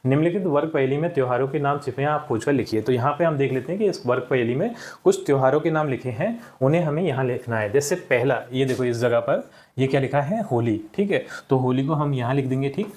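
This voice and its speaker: A man's voice: mid-range voice, animated, fairly quick, darkish tone. A male teacher patiently walking children through worksheet answers, often repeating words and checking in with "ठीक".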